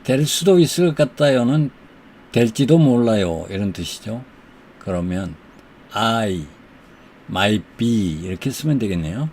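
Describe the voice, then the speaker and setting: A man teaching English, who says the English example sentences slowly and deliberately and explains them more quickly. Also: lowish voice, lively intonation, a little mellow, slight background noise. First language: Korean. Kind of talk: slow explanatory lesson.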